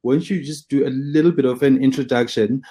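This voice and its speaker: A man's voice: medium pitch, a little fast, mellow. A man hosting an interview, asking long, hesitant questions full of restarts. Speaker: interview host. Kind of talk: interviewing a guest.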